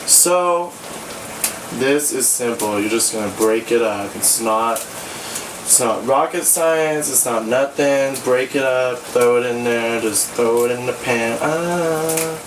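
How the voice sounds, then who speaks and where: A young American man sounds tipsy and giggly as he casually talks through his cooking with playful, sassy swearing. His voice sits at an ordinary male pitch. He is picked up from a distance in an echoey home kitchen, with clear sizzling and clatter behind him. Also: slow. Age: 20s. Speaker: host of a home cooking show. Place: small cluttered home kitchen. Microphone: camera a few feet away. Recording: echoey kitchen, distant mic, pan noise. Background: sizzling pan and clattering utensils.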